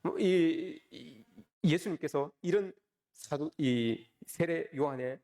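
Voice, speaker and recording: Speaking slowly in a warm, somewhat high voice, a pastor delivers a Sunday sermon at a church service, frequently calling out rhetorical questions to the congregation.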